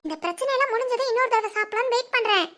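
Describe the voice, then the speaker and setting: A woman's voice: very high voice, very fast, fairly bright tone. A woman voicing a nosy, chatty young girl in a cartoon, cheeky and gossipy, with a southern Tamil Nadu accent.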